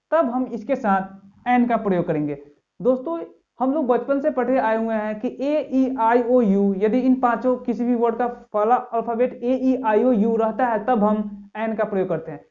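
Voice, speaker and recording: A man's voice: extremely high pitch, a little mellow. Man teaching patiently, dull lo-fi sound. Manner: repeats rhetorical questions to the viewer. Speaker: English teacher, channel host. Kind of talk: explanatory grammar lesson. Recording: dull lo-fi recording.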